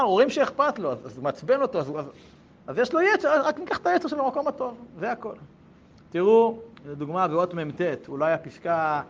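A man teaching a Torah lesson, reading passages aloud and explaining them with loud, emphatic exclamations. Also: a little high. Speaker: rabbi teaching a class. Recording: dull lo-fi sound with faint background noise.

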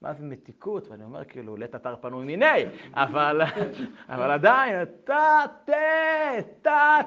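A middle-aged man giving a lively Torah lesson, moving between reading old texts aloud and telling personal stories. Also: medium pitch. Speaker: Torah lecturer. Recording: dull lo-fi recording.

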